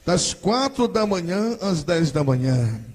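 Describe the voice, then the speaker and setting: A man acting out a fervent evangelical woman who prays and prophesies, with a husky voice. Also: fairly low pitch, sing-song, takes it slowly, heavily acted. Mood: fervent prophecy. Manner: prophetic, proclaiming, shouting.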